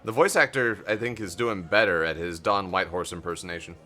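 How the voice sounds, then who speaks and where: A man's voice: low voice, fairly quick, pushed and bright, soft background music. A man giving casual commentary as he plays through a video game. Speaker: gamer commenting on a playthrough.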